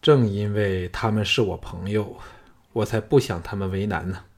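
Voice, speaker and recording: A cool, self-assured swordsman hero, voiced by a male narrator who speaks low, calm and measured. His voice has a slight husk, and the delivery stays composed throughout this storybook recording. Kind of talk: audiobook character voice.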